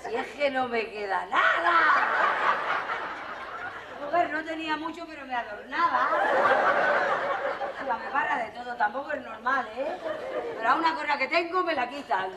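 An actress playing a luckless jilted woman in a stage comedy, swinging from quick comic asides to tearful pleading, in a 1980s televised theater recording with audience laughter. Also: high voice, expressive, echoey room, over a noisy crowd, very noisy. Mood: comic lament. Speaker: lead actress in a stage revue.

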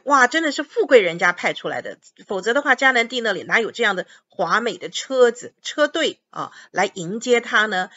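A woman teaching English through a Bible chapter, reading verses and explaining words, repeating them slowly. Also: medium pitch, pushed and bright. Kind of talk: bilingual Bible lesson. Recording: dull lo-fi audio.

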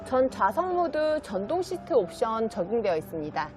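A woman's voice: a little high, sing-song, moderate pace, over music. A woman used car dealer giving a polished, polite, promotional sales narration as she presents a car.

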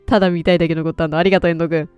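Excitable woman doing game commentary. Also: on the low side, rapid-fire, clean tone, dull audio, faint music behind. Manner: excitable, loud, laughs often. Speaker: game streamer. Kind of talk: let's play commentary.

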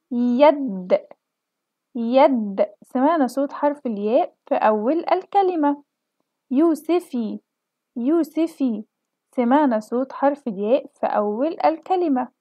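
A young woman with an Egyptian accent, a kindergarten teacher giving a children's alphabet lesson and stretching out each sound slowly for the kids. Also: sits high, no echo, muffled recording. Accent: Egyptian Arabic. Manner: slow drawn-out model pronunciation for children.

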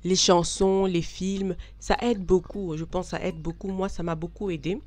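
A woman's voice: on the low side, level tone, normal speed, a little mellow. Frank chatty woman. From Belgium. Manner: frank, chatty, many hesitations. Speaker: vlogger. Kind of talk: casual talk to camera.

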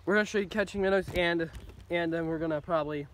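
A man's voice: fairly high pitch, steady tone, quick pace, a little hiss or hum. A man vlogging while fishing outdoors by a pond, talking casually and a little mumbled from the sunflower seeds in his mouth. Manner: rambling, chatty. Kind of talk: casual chat to camera.

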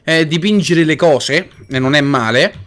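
A young man co-hosting a gameplay video in casual chat, excitable and bossy, giving tips to viewers. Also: on the high side, unhurried. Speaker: gaming co-host.

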